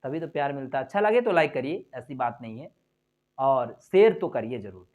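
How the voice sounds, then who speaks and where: A male English teacher slowly drilling letter sounds and repeating each one patiently, addressing viewers as friends. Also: mid-range voice, lively intonation, a little mellow. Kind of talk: slow phonics drill lesson.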